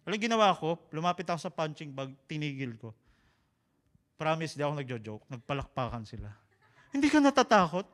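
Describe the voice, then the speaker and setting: A man with a Filipino accent preaching a sermon, an animated, joking storyteller who slips between Tagalog and English. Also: on the high side, brisk, big-room sound.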